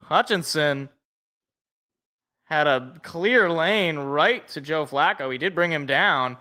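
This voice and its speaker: Speaking slowly in a bright, forceful voice on the high side, a man in his twenties co-hosts a live football reaction stream for a sports podcast. He calls plays, reacts to the game and jokes with viewers in a self-deprecating way.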